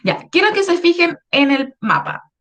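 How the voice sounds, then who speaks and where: A woman's voice: very high-pitched, big pitch swings, moderate pace, fairly bright tone, slight background noise. A woman with a Chilean accent, a history teacher explaining a lesson to schoolchildren in an online class, often checking they follow. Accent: Chilean Spanish. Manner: patient, explaining with many checks like "¿ya?".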